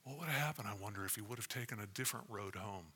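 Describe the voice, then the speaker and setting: A man delivers a sermon in a piercingly bright, forceful voice. He mixes chatty personal asides with emphatic rhetorical questions, and his words ring with the long reverb of a large hall. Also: fairly low pitch, rapid-fire, husky. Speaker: preacher. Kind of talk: sermon to a congregation, with personal anecdotes. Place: large reverberant room, preaching to an audience.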